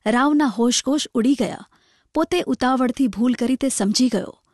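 A woman reads a story in a measured, expressive way. Her voice sits fairly high. The recording is dry and close, with no room sound. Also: no echo. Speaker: narrator. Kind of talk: audiobook story reading.

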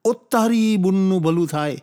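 Male narrator as a cheery, slow village lad, broad dialect, raised voice. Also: high voice, warm tone, clear, resonant tone, voice pushed up, natural voice. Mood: surprised. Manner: broad rural dialect, earthy exclamations. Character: rustic village boy, slow-witted, cheerful.

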